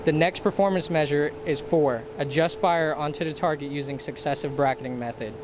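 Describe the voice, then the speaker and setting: Step by step, a man with a somewhat high voice runs through scripted military instruction at a fairly quick clip. His manner is formal and procedural, and the steady background ambience is clearly heard.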